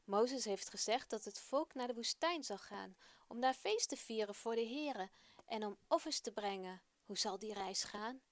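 A woman presenting a children's radio program, reading a story aloud in a friendly, expressive way. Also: on the high side, moderate pace, no echo.

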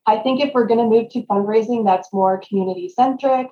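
A woman's voice: fairly high pitch, a little fast, slight background noise. A woman speaking as a consultant guest in a conversational podcast interview, on a roomy, slightly dull recording.

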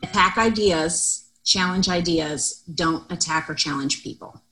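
A middle-aged woman co-hosting a casual podcast discussion. She talks loudly and expressively, with a slightly low voice. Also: unhurried, soft background music, rough recording. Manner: loud, expressive talker. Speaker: podcast co-host.

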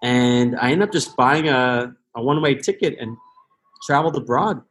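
A man's voice: medium pitch, normal speed, fairly bright tone. An American man in his thirties, a podcast guest, talking earnestly and thoughtfully, often restarting his sentences. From United States. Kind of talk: reflective interview talk.

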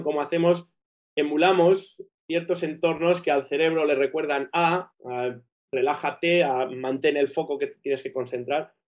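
A man with a broken, operated nose and a nasal dilator, explaining things enthusiastically as an interview guest, often checking in with tag questions. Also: a little high. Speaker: guest breathing coach.

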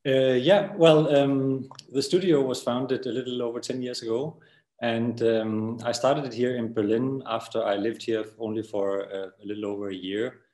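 A man's voice: mid-range voice, steady tone, normal speed, a little mellow, echoey room. A man from Denmark with a Danish accent, speaking as an architect guest in an interview, hesitant with many fillers and repeated words. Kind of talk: interview conversation.

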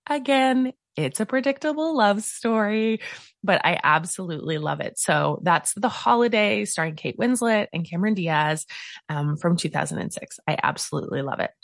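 A woman's voice: mid-range voice, creaky, dry recording, clean studio sound. A woman hosting a solo podcast in a casual, chatty way, gushing with enthusiasm. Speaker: podcast host.

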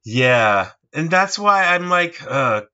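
A man hosting a podcast quiz, talking slowly and hesitantly with many fillers. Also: a little high, sing-song, sharp tone, smooth. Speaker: podcast host running a quiz. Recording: dull lo-fi recording.

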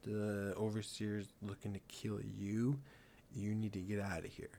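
A man's voice: on the low side, little pitch movement, measured pace, creaky, mellow, a little hiss or hum. Laid-back rambling young man. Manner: rambling, laughs often, swears casually. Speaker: gaming podcast host. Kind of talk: casual chat.

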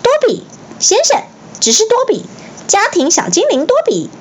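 A woman voicing a tearful, servile male house-elf with a shrill, squeaky voice, in a bedtime storybook reading. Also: huge pitch swings, normal speed, a little hiss or hum, full character voice. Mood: eager, deferential. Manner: wailing, overly deferential.

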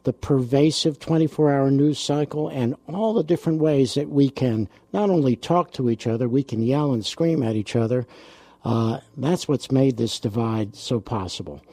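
A man hosting a radio talk show, speaking in a relaxed way with frequent ums and uhs. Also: medium pitch, moderate pace, no room sound.

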